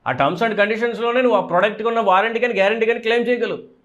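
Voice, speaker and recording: High-voiced Telugu-accented preacher. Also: male voice, fast, a bit bright, muffled recording. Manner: rhetorical questions and repeated phrases, rising and falling emphasis. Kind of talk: Telugu sermon.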